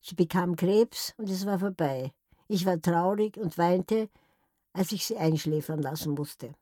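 A woman's voice: lowish voice, unhurried, mellow, dry recording, clean studio sound. Older woman telling wry anecdotes. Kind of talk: memoir storytelling.

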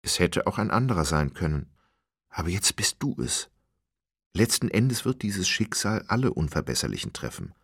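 A man's voice: deep voice, gravelly, husky, no echo, clean studio sound, full character voice. A man voicing a stern, cold woman official. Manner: calm, measured, lecturing.

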